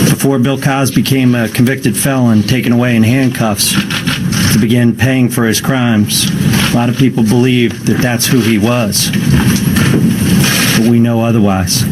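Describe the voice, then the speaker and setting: Male prosecutor, firm statement, outdoor news clip, loud traffic behind. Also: mid-range voice. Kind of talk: press statement.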